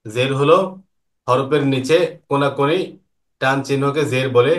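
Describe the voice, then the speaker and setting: A man teaches an online Quran lesson. His pitch sits in an ordinary middle range. He poses questions and patiently answers them himself, going over each point slowly more than once. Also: fairly even intonation. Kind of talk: online lesson explaining Arabic vowel marks.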